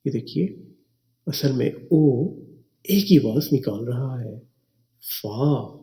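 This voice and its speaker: A man gives an English vocabulary lesson at a very unhurried pace. His voice is dark and mellow, and he spells each word letter by letter, then repeats it. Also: mid-range voice, lively intonation. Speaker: English teacher. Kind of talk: slow spelling and pronunciation lesson.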